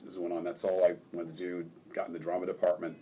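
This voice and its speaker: An older ward councilman from Maryland tells relaxed stories in a casual interview, chuckling often. His voice sits low and he talks fast.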